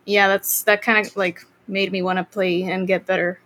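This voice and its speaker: A woman's voice: medium pitch, normal speed. Chatty young woman from Costa Rica. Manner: relaxed, rambling with many fillers and restarts. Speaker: guest drummer. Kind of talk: casual interview chat.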